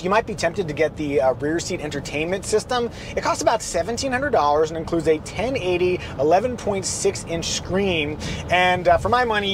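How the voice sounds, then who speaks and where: A man hosting a casual car review from inside a minivan while he drives, chatty and relaxed, with playful asides. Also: sits high.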